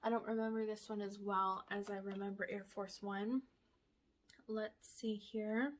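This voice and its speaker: Seated in one spot at home, a woman vlogger chats through a shopping haul, her medium-pitched voice steady and unhurried. She rambles with fillers, sounds a little out of breath, and reads the blurbs off the backs of DVD cases aloud.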